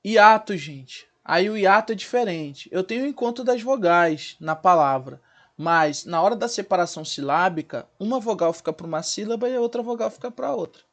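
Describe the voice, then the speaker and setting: A male teacher, giving a recorded grammar lesson and sounding out words slowly, syllable by syllable, often checking in with his class. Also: sits high, expressive, a bit bright. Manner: checks in with the class, asking "né?" and "certo, gente?".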